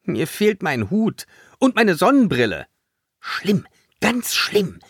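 A man's voice: high voice, wildly swooping pitch, slow pace, breathy edge, dry recording, studio quality, pitched above the performer's own voice, heavily acted. Man putting on a sulky goth villain girl. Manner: sarcastic, disgusted, drawling.

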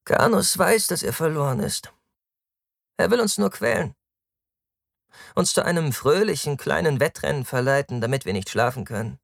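A man's voice: a little high, animated, normal speed, vocal fry, long pauses, no room sound, studio quality, voice pushed up. A man voicing a careless, drug-loving young nobleman who drawls and mocks theatrically, in an audiobook. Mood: mocking.

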